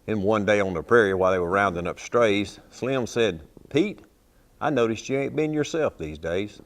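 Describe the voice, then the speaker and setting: A man's voice: fairly low pitch, animated, normal speed. A man in his sixties with a cowboy drawl, reciting storytelling verse as a cowboy poet.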